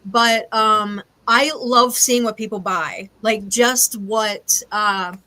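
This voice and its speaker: A woman co-hosting a casual live stream chat from home, chatty and quick to laugh. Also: mid-range voice, sharp tone. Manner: chatty, laughs often, says y'all. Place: home with cats nearby.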